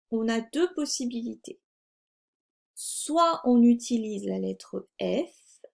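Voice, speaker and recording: A woman teacher with a French accent giving a slow, carefully articulated dictation lesson to a young child. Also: fairly high pitch, creaky, a little mellow. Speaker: primary school teacher.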